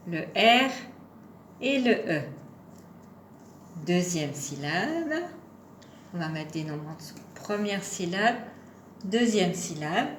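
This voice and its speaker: A woman teaching a home lesson to young children, patient and sounding out each syllable and number aloud. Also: mid-range voice. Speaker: kindergarten teacher. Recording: echoey room with faint background noise.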